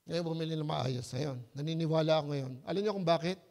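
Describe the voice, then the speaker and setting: A male Filipino pastor preaching a sermon. He calls "Hello?" to the congregation and swings between soft asides and loud emphasis. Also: a little high, fast, vocal fry, in a large hall.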